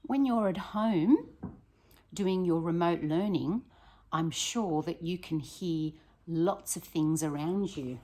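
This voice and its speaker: A picture book is read aloud to children by a primary school teacher whose slightly husky voice is fairly low and whose pace is slow. She reads with expression and prompts her audience with questions.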